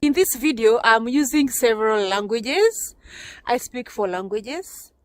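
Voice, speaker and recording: A Kenyan woman walks through a snowy winter forest, vlogging on her phone camera, chatting away and laughing often. Her voice sits a little high and is expressive and unhurried. The casual walking vlog sounds studio quality, with no room sound.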